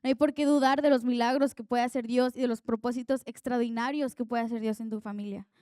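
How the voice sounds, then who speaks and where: A young woman delivers an earnest sermon conversationally, drawing on stories from her own life. Her fairly high voice is mellow and smooth, her pace brisk and intonation fairly even, and the sound is dry and close with little echo.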